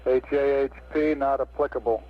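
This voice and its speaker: A man's voice: mid-range voice, fairly even intonation, moderate pace. A man working as a mission control communicator, speaking in procedural calls over crackly military-style radio. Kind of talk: procedural radio talk, reading out figures. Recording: dull radio link with static.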